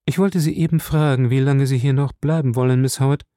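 A man reading an audiobook and voicing a captain who speaks forcefully and with dry irony. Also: medium pitch, steady tone, brisk, dry recording, natural voice. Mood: ironic. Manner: forceful, dryly ironic. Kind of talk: audiobook character voice.

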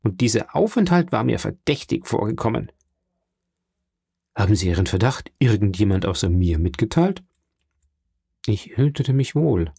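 A man's voice: fairly low pitch, very animated, normal speed, gravelly, long pauses, mellow, slightly rough, no echo, clean studio sound, heavily acted. A man playing a sly, scheming schemer. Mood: insinuating. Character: scheming, cunning adult male ship's accountant.

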